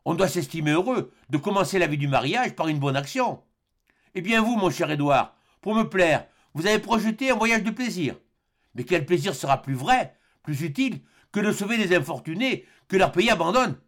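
A man's voice: sits high, lively intonation, normal speed, a bit bright, exaggerated voice. A man voicing an ardent young noblewoman. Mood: persuasive. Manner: pleading, rising with enthusiasm.

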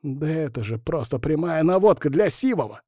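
A man voicing a jittery, panicky young male friend who talks in a hoarse, hissing whisper. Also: fairly high pitch, lively intonation, moderate pace, dark tone, no room sound, studio quality, pitched above the performer's own voice. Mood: panicked.

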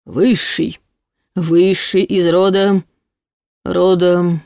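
A woman reading an audiobook voices an arrogant, short-tempered male high demon who growls and snaps his lines. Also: little pitch movement, extremely slow, vocal fry, a little mellow, dry recording, studio quality, full character voice. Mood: irritated growl. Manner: growling, snapping.

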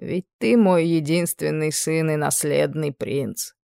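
A woman voicing a sly middle-aged king who fakes illness, in a slow, hoarse, wheezing voice. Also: low voice, dark tone, dry recording, clean studio sound, exaggerated voice. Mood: weary.

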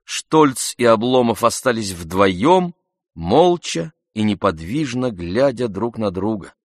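A man slowly reading a classic novel aloud as narrator, in a measured, even way. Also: fairly low pitch, no room sound, studio quality. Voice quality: slow, measured delivery. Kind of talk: audiobook reading.

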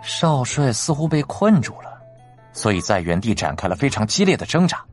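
A man voicing a sharp-eyed male intelligence officer in an audiobook, reasoning through clues step by step. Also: medium pitch, sing-song, moderate pace, soft background music, close to an everyday voice. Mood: analytical. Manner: analytical, explaining clues step by step. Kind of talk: audiobook character voice.

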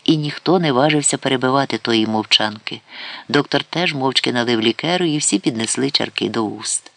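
A man reading a literary story aloud as an audiobook narrator, in a steady, measured storytelling manner. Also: medium pitch, gravelly. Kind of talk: scripted narration.

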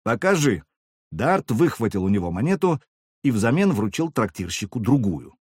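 Male narrator, expressive storytelling, animated intonation, dry booth sound. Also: on the low side, normal speed, slightly rough, dry recording. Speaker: audiobook narrator. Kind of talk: scripted narration.

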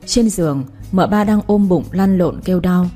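A woman narrating a story with a steady, expressive reading. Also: lowish voice, moderate pace, soft background music.

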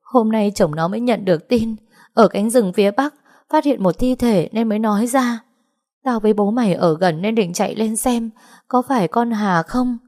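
A woman's voice: normal speed, close to an everyday voice. A woman voicing a grieving middle-aged rural mother who is choked with tears and wails her words. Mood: wailing grief. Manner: wailing, high and loud.

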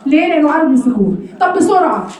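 A woman's voice: sits high, very animated, very fast, a little mellow, far from the mic. Egyptian woman teaching from across an echoey room. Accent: Egyptian Arabic. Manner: explains step by step, keeps checking if students follow. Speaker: Quran recitation teacher. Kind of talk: classroom lesson on recitation rules.

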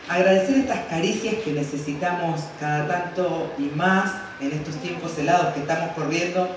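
A man with an Argentine accent giving an unscripted, colloquial acceptance speech as an award recipient. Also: on the high side. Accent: Argentine, from Santa Fe province. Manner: colloquial, fond diminutives, checking in with '¿no?'. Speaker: award recipient from a community library. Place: large hall at an award ceremony. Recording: very echoey hall, distant mic, faint noise.

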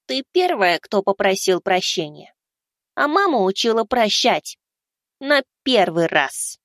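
A small three-eyed spirit of darkness speaks in a high, childlike voice that stays calm and coldly menacing, as a male narrator puts it on. The sound is close and dry, with a strange, hollow timbre. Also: measured pace, no echo, heavily acted. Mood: cold mercy.

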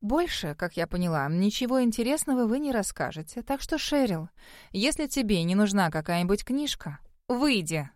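A woman voicing a calm female librarian teacher who speaks in a measured way. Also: medium pitch, no echo, clean studio sound, close to an everyday voice. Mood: calm, firm.

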